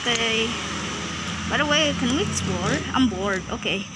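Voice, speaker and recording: A playful woman with a high, bouncing voice narrates a homemade animated story and voices every character herself. She speaks unhurriedly and often repeats words in excited bursts. The home recording carries a clear layer of background noise. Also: measured pace. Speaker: narrator voicing all characters.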